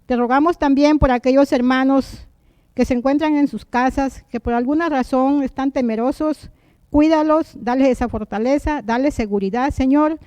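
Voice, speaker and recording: A woman hosting a church service, welcoming the congregation and leading a spoken prayer in an earnest, soft-spoken way. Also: high voice, normal speed, no room sound. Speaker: service host and prayer leader.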